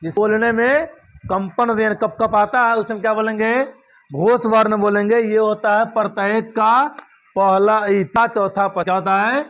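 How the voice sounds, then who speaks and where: Man, high voice, grammar teacher, repetitive questioning style, classroom lesson. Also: level tone, normal speed, a bit bright. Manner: repeats points and asks rhetorical check questions.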